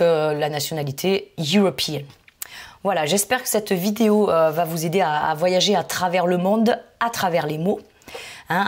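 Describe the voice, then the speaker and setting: A woman teaching English words in an online lesson, explaining patiently with frequent fillers. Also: lowish voice.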